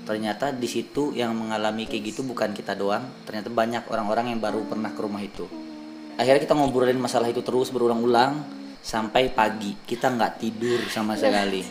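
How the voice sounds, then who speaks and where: A man's voice: on the low side, fairly quick, background noise. A young man from Indonesia telling a ghost story to the camera in a casual vlog, acting out the voices of the people in it. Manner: animated storyteller, acts out quoted voices. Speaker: vlogger.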